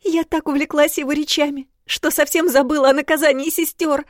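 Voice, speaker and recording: A delicate young princess with a high, eager voice that spills over in breathless, fretful chatter, as an audiobook reader puts her on. She sounds sweet and easily upset, her words tumbling out quickly. The take is close and dry, with no room around it. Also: fairly even intonation, no room sound, lightly acted. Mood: guilt-ridden. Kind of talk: audiobook character voice.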